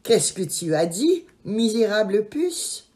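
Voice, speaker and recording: A woman voicing a grumpy old witch who speaks in a loud, grating, threatening way, in a storybook reading. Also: medium pitch, sing-song, slow, pitched above the performer's own voice. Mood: outraged. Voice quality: screechy, grating voice.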